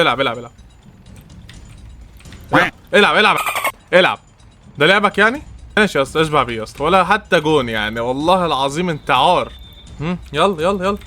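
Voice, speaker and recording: A man's voice: a little high, noisy background. A young man with an Egyptian Arabic accent, a gaming streamer giving frustrated, trash-talking commentary over gameplay. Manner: frustrated, trash-talking, swears and mocks the opponent.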